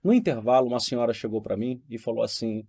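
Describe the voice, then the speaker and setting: A man's voice: mid-range voice, animated, quick pace, a little mellow, breathy edge. A Brazilian man, a law teacher for exam candidates, giving an emphatic motivational talk with personal stories and repeated phrases. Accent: Brazilian Portuguese.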